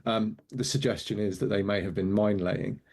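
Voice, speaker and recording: Dark-voiced measured male analyst. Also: fairly low pitch, steady tone. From Wales. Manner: measured, hesitant with frequent ums. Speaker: guest analyst. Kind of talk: interview commentary.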